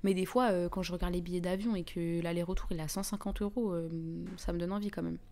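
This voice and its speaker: A young Parisian woman hosts a live stream, chatting casually with viewers in informal, slangy French-accented speech. Her voice is on the low side, warm and steady, and she talks fast. Faint music plays behind her.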